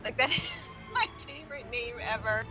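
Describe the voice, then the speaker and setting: A woman's voice: a little high, brisk, over music. A woman chatting and giggling with her guild on voice chat during a game raid. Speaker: guild raid member streaming. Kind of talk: casual gaming voice chat.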